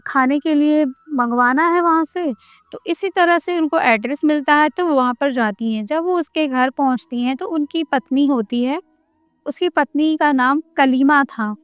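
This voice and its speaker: A woman's voice: high-pitched, no echo. A woman narrating a devotional story in a conversational retelling style, stitching scenes together with frequent "she says".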